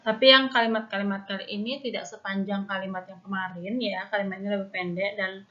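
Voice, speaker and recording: A woman's voice: medium pitch, fairly even intonation, quick pace, sharp tone. A woman with an Indonesian accent teaching an online Mandarin class, explaining patiently step by step and often tagging her phrases with "ya". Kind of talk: online language lesson. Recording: dull lo-fi recording.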